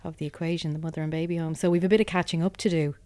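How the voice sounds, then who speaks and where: A woman's voice: low voice, fairly even intonation, rapid-fire, warm tone. An Irish woman in her late forties, reflecting steadily in a discussion. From Ireland. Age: 40s. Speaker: roundtable guest. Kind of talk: casual discussion.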